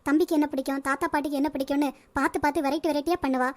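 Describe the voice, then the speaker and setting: A woman voicing a kind, caring middle-aged mother in a cartoon, talking in a gentle motherly way. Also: sits high, steady tone, racing, natural voice.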